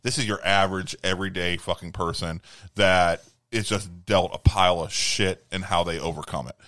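A man's voice: low-pitched, steady tone, moderate pace, sharp tone, no echo. A man co-hosting a podcast, casually retelling a film's plot with lots of swearing. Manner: profane, rambling plot retelling. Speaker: podcast co-host. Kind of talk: casual movie recap chat.

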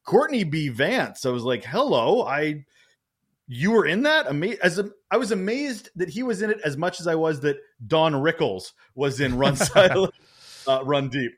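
Male co-host, bright animated delivery, playful and loose, casual podcast chat. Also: a little high, moderate pace. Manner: lively, jokey, rambling with restarts. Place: Vancouver Island.

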